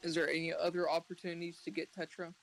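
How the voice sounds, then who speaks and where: High-pitched man chatting over a game. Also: completely flat delivery, fast talker, creaky, fairly bright tone, a little hiss or hum, poor audio. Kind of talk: casual gaming chat. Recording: game music behind the voice.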